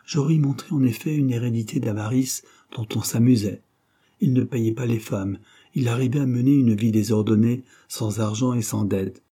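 A man narrating a classic novel as an audiobook reader, in a measured, literary way. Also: mid-range voice, warm tone, husky.

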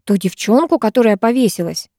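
A woman's voice: a little high, expressive, a little fast, warm tone, no room sound, clean studio sound. A woman reading an audiobook, voicing a bold, bossy teenage girl who scolds the others. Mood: scolding. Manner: brash, scolding.

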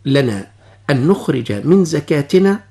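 Husky Egyptian man presenting in formal Standard Arabic. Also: fairly high pitch, big pitch swings, normal speed, warm tone. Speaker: radio host. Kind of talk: formal radio presenting, reading a listener's letter.

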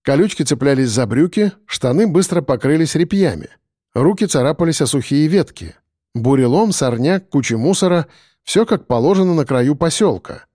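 Lively male audiobook narrator. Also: a little high, moderate pace, dry recording, clean studio sound.

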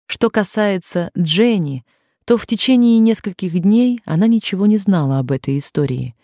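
A woman narrating an audiobook in a measured, even-paced reading. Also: mid-range voice, no echo, clean studio sound.

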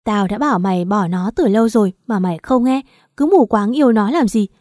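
In this audio story, a woman narrator voices a brash, foul-mouthed older friend who scolds loudly and impatiently. Beneath the swearing the natural, medium-pitched voice stays warm and mellow, moving a little fast. The recording is dry and close, with no room sound.

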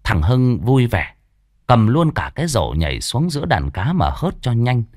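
A man narrating a horror story in a dramatic, expressive storytelling manner. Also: mid-range voice, normal speed, dry recording, studio quality.

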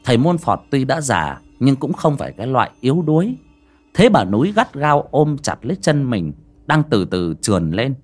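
A man's voice: mid-range voice, very animated, normal speed, a little mellow. A man narrating a horror audiobook with dramatic storytelling. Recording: faint background music.

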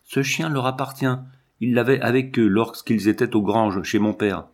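A man's voice: medium pitch, level tone, moderate pace, lightly acted. A man reading aloud, voicing an earnest young boy who insists with a policeman. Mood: insistent. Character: earnest young boy, eldest of three children.

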